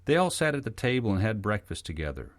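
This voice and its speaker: A man with a very low voice narrates an audiobook in a calm, even storytelling manner. The recording is dry and close, with no room sound. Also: fast talker, dry recording. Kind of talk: scripted narration.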